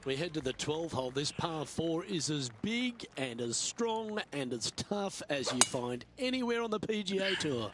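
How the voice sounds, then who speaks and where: A man's voice: fairly high pitch, very animated, moderate pace, few pauses. A man working as lead golf commentator, calling play-by-play in a broadcast style. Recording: clear background ambience noise.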